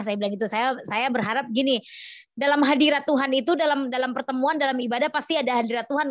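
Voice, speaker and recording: A woman giving a church testimony, telling her story to the congregation, acting out the quoted dialogue and pausing often with hesitant fillers. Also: on the high side, no room sound, dull audio. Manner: addresses the audience as Bapak Ibu Saudara, acts out quoted dialogue; hesitant, many fillers and restarts. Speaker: testimony speaker.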